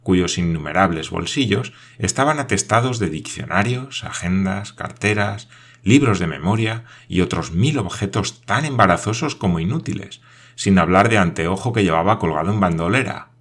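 A male narrator with a very deep voice reads a novel aloud. His delivery is measured and even, a steady scripted audiobook reading. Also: husky.

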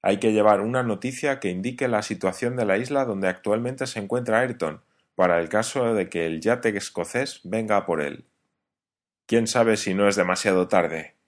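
A man reading an audiobook, voicing a hot-tempered sailor who talks loud and blunt. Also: lowish voice, normal speed, natural voice. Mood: eager.

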